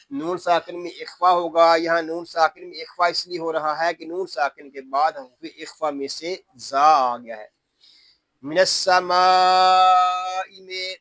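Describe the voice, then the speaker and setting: A man teaching Quran recitation rules word by word, patiently explaining each rule and chanting the verses in long, drawn-out tones. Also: fairly high pitch, fairly even intonation, a bit bright, no room sound. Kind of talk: tajweed lesson, word by word.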